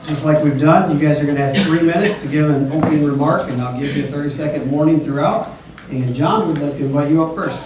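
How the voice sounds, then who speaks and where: A man's voice: a little high, fast. An American man moderating a public forum, making orderly announcements and calling people up. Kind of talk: formal event announcements. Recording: echoey, distant hall PA, loud noise.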